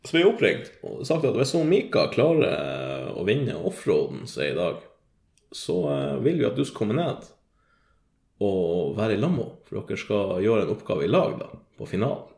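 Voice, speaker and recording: A young man spins an excitable, swear-filled story with a lot of laughter. His fairly low voice is gravelly and swings up and down in pitch. The room around him sounds echoey. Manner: profane, excitable, laughs often, frequent fillers. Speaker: guest telling a story. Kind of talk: casual storytelling chat. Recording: roomy echo.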